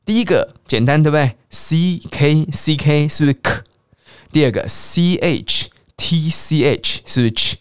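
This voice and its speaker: A man teaching English pronunciation on a radio lesson, spelling out letters and repeating each word slowly for listeners to say aloud. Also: fairly high pitch, smooth, no room sound, studio quality. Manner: drills words slowly and repeats them.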